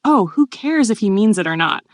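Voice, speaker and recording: A woman reading the part of a flustered, playful young noblewoman in a bright, raised voice. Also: mid-range voice, lively intonation, moderate pace, dry recording, studio quality, pitched above the performer's own voice, close to an everyday voice.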